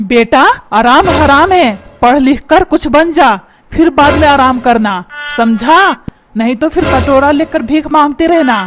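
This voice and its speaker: A short-tempered cartoon father yells and threatens in a raised, high voice. He scolds in blunt bursts, over a loud music bed. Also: unhurried. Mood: stern. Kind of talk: cartoon dubbing.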